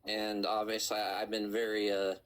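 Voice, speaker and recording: A male caller on a live stream with a somewhat low voice. He speaks in loose casual chat and keeps restarting his sentences as he goes. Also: monotone, fairly bright tone, poor audio. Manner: rambling, halting with many restarts.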